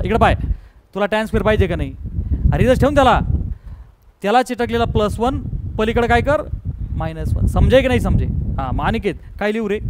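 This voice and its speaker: A man's voice: sits high, background noise. A man teaching math to a classroom, firing questions at students and mixing in English terms. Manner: drills students with call-and-response questions. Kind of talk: classroom lecture.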